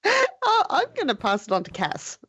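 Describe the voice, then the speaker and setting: A woman's voice: on the low side, expressive, unhurried, slight background noise. A woman with an Australian accent, chatting casually as a player in a tabletop game, bubbly and giggly. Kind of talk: casual out-of-character chat. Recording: dull lo-fi mic.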